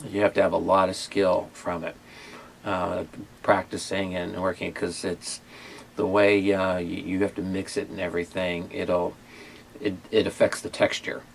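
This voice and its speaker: Halting low-voiced man hosting a taste test. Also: flat delivery, creaky, a little hiss or hum. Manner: hesitant, many fillers and restarts. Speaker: ministry owner and host. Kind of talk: casual chat and taste test.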